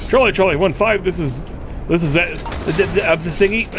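A man's voice: sits high, a little fast, music in the background. A man streaming a game live, giving casual, rambling commentary full of "like" fillers and frustrated swearing. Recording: game sounds clearly audible under the voice.

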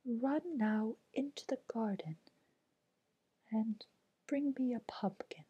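Soft breathy fairy godmother, a lady whispering her, gentle and slow, storybook feel. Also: a little high, dull audio, full character voice. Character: kind motherly female fairy godmother.

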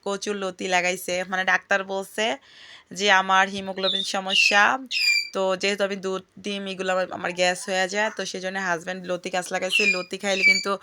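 A woman's voice: medium pitch, heavy background noise. A woman, chatting casually in a home vlog from her garden, often exclaiming aloud and calling out to her pet bird. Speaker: vlogger.

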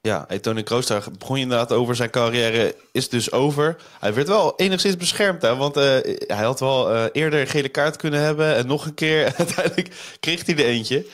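A man's voice: mid-range voice, fairly quick, hardly any pauses, fairly bright tone. A man hosting a football talk show, putting hesitant questions to his guest with fillers. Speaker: host. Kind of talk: casual chat.

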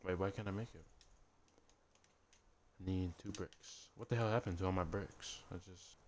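A man giving crude, joking commentary while playing a game, swearing a lot and breaking into sudden loud yelps between mumbled asides. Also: low-pitched, steady tone, moderate pace, a little hiss or hum. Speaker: gamer streamer. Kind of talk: casual gameplay commentary.

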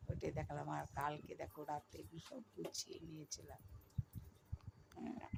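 A middle-aged woman with a Bengali accent and a hoarse voice, chatting to her viewers as she talks over her housework. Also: low-pitched, background noise. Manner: chatty, addresses viewers as friends. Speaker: vlogger. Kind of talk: casual voice-over of household chores.

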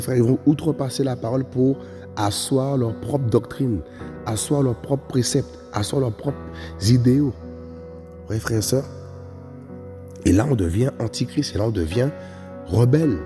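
A man's voice: mid-range voice, normal speed. Emphatic man preaching in a reverberant hall. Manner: emphatic, repeats "vous voyez, frères et sœurs". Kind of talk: sermon. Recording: long reverb with faint music.

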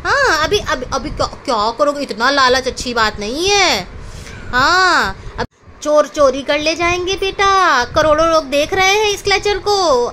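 A woman's voice: sits high, lively intonation, measured pace, pushed and bright, a little hiss or hum. A woman filming a casual home vlog, talking to her pet dog in playful baby talk and teasing it. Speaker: pet owner vlogger.

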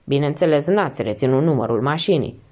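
A woman reading an audiobook voices a calm, terse middle-aged male police commissioner who asks dry, clipped questions. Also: low voice, pitched below the performer's own voice.

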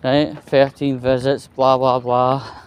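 A male vlogger walks along a residential street, giving a casual, rambling monologue that's sweary and weary, recorded on a handheld phone. His medium-pitched voice barely moves in pitch and goes slowly, with a little hiss or hum under street ambience and passing vehicles.

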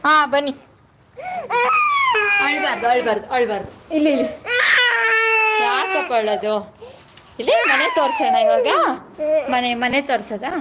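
Young woman, high-pitched, coaxing baby talk, phone vlog outdoors, heavy background noise. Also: huge pitch swings, moderate pace, pauses often. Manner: coaxing, sing-song baby talk to a fussing child. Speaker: mother vlogging live. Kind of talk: casual live vlog while minding a toddler. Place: outdoors at a house under construction. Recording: loud outdoor noise, animals. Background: child crying, animals, work noise.

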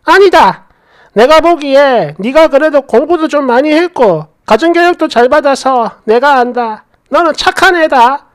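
A nagging older mother-in-law who won't take no for an answer, as a woman storyteller puts her on. She presses her point over and over in a lively, rising and falling voice. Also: sits high, unhurried. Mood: insistent. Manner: insistent, repeats herself over objections.

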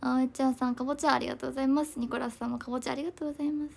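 A young woman, chatting fast and casually on a livestream, reading viewer comments and often apologizing. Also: sits high, fairly even intonation, vocal fry.

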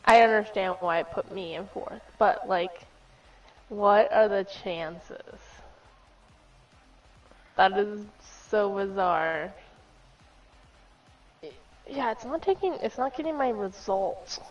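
A woman's voice: mid-range voice, lively intonation, takes it slowly, long pauses, distant mic, muffled recording, faint music behind. A woman chatting while gaming, goofy and giggly, saying dude a lot. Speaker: gaming partner. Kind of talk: casual gaming chat.

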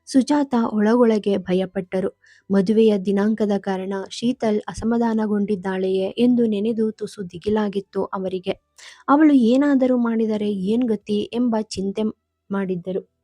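A woman storyteller narrating a family drama in a calm, even manner. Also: medium pitch, unhurried, no echo. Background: soft music.

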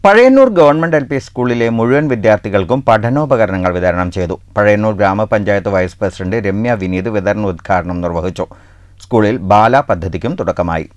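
Low-voiced male news anchor, dry studio. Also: lively intonation, dry recording, muffled recording. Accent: Malayalam, Kerala. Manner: brisk headline delivery.

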